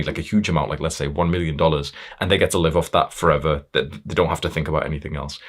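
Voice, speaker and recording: A man giving a blunt, confrontational motivational talk, swearing freely and building intensity through restarts and fillers. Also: low-pitched. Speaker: motivational speaker.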